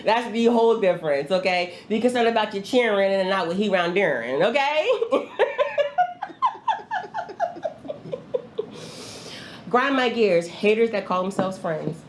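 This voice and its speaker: A woman's voice: mid-range voice, animated, brisk, few pauses, a little hiss or hum. A woman from New Jersey hosting a candid advice podcast, talking bluntly with profanity and frequent laughter. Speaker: podcast host.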